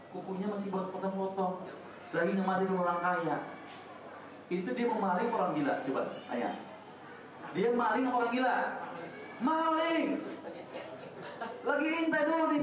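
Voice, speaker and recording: A high-pitched man preaches casually, teasing his listeners with questions. He sounds far from the mic, in a very echoey prayer room. The recording carries clear background noise. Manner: joking, asks the audience questions. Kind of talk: casual religious lecture.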